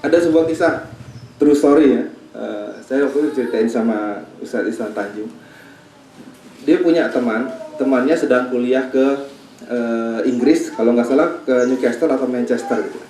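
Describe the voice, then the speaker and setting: A male preacher giving an animated sermon story, acting out the voices of the people in it. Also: normal speed, slight background noise. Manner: animated, acts out quoted voices with big pitch jumps. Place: talk at a school gathering, roomy space. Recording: roomy echo, mic at a distance.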